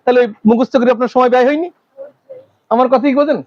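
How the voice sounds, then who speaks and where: A male teacher giving a classroom lecture, constantly quizzing his students with quick questions. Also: very high-pitched, steady tone, highs cut off.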